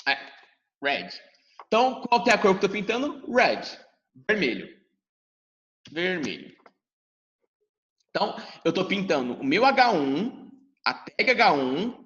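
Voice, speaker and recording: A Brazilian man, accented in Brazilian Portuguese, teaches a lively class where he speaks right to the students and mimics their questions. His voice is high and a little bright. The sound is dull and carries a long reverb.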